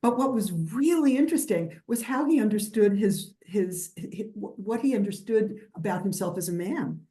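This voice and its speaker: An older historian from New York answers questions at a lecture in a conversational Q&A, rambling with many restarts and fillers. Her medium-pitched voice is animated and dark-toned, at a normal speed.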